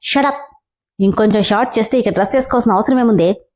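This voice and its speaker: Strict young boss, scolds in clipped orders; a woman reads him in her own mellow voice. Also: fairly high pitch, fast talker, natural voice. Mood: stern. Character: stern young male company boss, curt.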